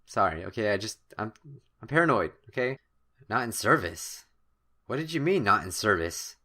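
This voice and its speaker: A man with a lowish, pushed and bright voice hosts a let's play, his pitch swinging broadly at a moderate pace. As the host of a gaming channel, he reads the game's text aloud theatrically, mixing in joking commentary and now and then fumbling a word.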